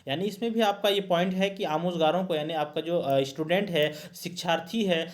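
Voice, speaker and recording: A male teacher giving an exam-prep lecture, explaining each point by rephrasing it again and again with many fillers. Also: fairly high pitch.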